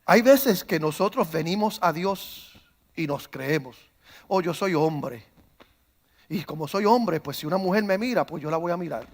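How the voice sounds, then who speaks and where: At church, a pastor preaches at normal speed in a high, ringing voice. Telling stories, he performs the characters' voices and builds from calm delivery into loud, fervent preaching.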